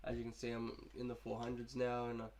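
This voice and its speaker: A gaming YouTuber, young and coughing from a cold, gives relaxed, rambling commentary on his video game team. His medium-pitched voice is a little mellow, completely flat and fast, with a little hiss or hum.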